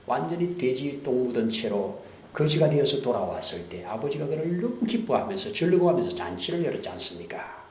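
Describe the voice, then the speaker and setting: A Korean pastor preaching in an echoing sanctuary. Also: male voice, mid-range voice, big pitch swings, brisk. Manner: swings from hushed whispers to loud emphatic preaching; repeats key phrases for emphasis. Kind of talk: sermon. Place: church sanctuary. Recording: dull roomy church recording with faint hiss.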